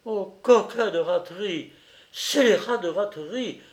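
A man's voice: lively intonation, normal speed, a little mellow, roomy sound. A fussy, impetuous old grocer in his sixties, as a male reader puts him on. He pleads and protests in a raised, agitated voice. It sits above the reader's own voice in an audiobook. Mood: outraged. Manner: pleading, indignant, raised pitch. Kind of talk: audiobook character voice.

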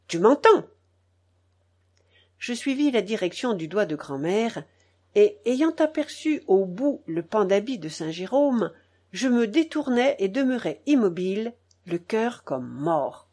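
A woman narrating a novel in a measured, expressive audiobook reading. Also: medium pitch.

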